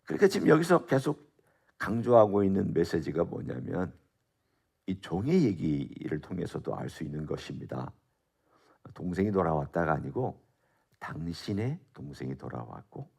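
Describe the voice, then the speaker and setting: A man's voice: low voice, vocal fry, a little mellow, breathy edge. A middle-aged male pastor giving an expository Bible sermon at a dawn prayer service, talking conversationally and asking his listeners questions. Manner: conversational preaching with rhetorical questions.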